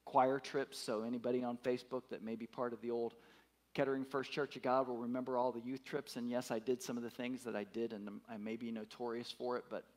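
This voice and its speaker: Man, fifties, preacher, emphatic sermon, repeats words, asks the congregation questions, mid-pitched voice. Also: flat delivery, a little fast, a little mellow. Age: 50s. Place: church.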